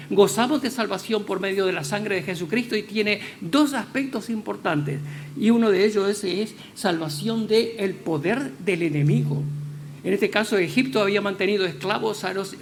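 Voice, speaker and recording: Man, church sermon, emphatic, slows on key words, high-pitched, faint hiss. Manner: emphatic, stresses key words slowly, rising to loud declarations. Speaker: preacher.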